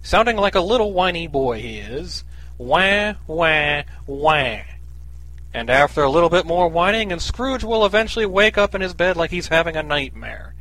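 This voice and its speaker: A man's voice: high-pitched, expressive, fairly quick, hardly any pauses, a bit bright, slight background noise. A man narrating a parody story in a sarcastic, mocking way.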